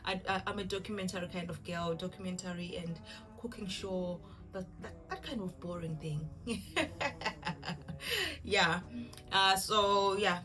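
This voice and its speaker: Fairly low in pitch yet a bit bright, a Zimbabwean woman in her thirties gives a laid-back vlog introduction. She's a cooking vlogger with a giggly, self-deprecating style.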